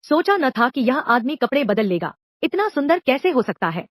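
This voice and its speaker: A woman dubbing the lines of a proud young company chief in a short drama, brisk and indignant. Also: sits high, very animated, dry recording, studio quality. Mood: surprised. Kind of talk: dubbed short-drama dialogue.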